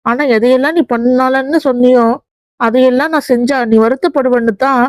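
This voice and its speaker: A woman's voice: high voice, fairly even intonation, moderate pace, dry recording, natural voice. A woman voicing a young husband who defends himself to his wife with exasperation. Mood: defensive.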